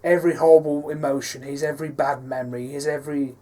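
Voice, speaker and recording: A man's voice: fairly high pitch, level tone, fast talker, warm tone. Brief: male filmmaker, casual and rambling, hesitant, lots of ums. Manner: rambling, hesitant with many fillers. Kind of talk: casual behind-the-scenes talk.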